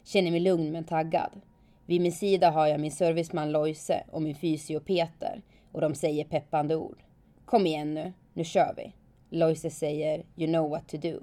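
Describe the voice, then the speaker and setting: Low, mellow-voiced woman narrating her story. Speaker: former alpine skier telling her story. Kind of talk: first-person scripted narration.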